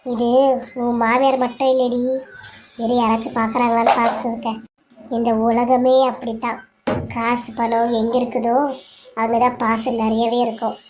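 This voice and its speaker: Woman voicing a blunt worldly mother, family serial drama, high voice, flat delivery, lecturing. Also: moderate pace, pauses often, over music, close to an everyday voice. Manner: lecturing, scornful of people who love for money. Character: shrewd middle-aged mother, worldly and blunt. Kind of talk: Tamil family serial voice acting.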